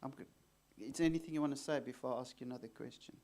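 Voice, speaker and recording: A man's voice: medium pitch, racing, a little mellow. A man hosting an onstage interview, asking leading questions and backing the guest with frequent murmurs. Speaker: host, exorcist.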